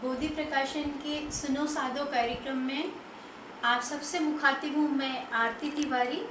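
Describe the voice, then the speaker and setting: A woman poet from Madhya Pradesh, India, reciting her poems in a slow, measured reading. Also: sits high, fairly even intonation. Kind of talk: poetry recitation. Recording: echoey room, distant mic, faint noise.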